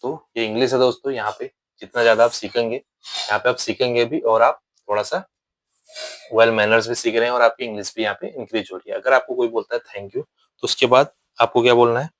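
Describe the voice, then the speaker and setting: A man teaching good-manners phrases in an English lesson, explaining patiently and repeating each example phrase slowly. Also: mid-range voice, steady tone, no echo, low-quality recording. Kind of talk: spoken English lesson in Hindi.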